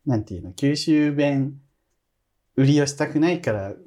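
A man's voice: fairly high pitch, expressive, normal speed, warm tone. A man from Nagasaki who speaks mostly standard Japanese, co-hosting a casual podcast chat and giggling often. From Iki, Nagasaki, Japan. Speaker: podcast co-host.

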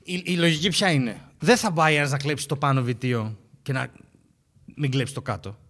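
A man co-hosting a casual podcast chat, telling an animated story and acting out the people in it. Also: mid-range voice. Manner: animated storyteller who acts out the people he quotes. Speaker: podcast co-host.

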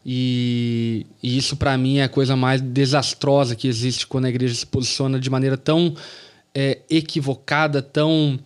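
A man discussing a serious topic in a deliberate way, pausing and restarting with fillers. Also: mid-range voice, level tone.

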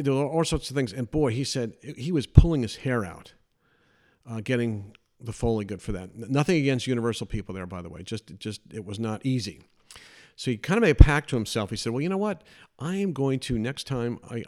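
Older man telling showbiz stories. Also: lowish voice. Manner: chatty, animated anecdotes with put-on quoted voices. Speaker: podcast host. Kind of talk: casual storytelling.

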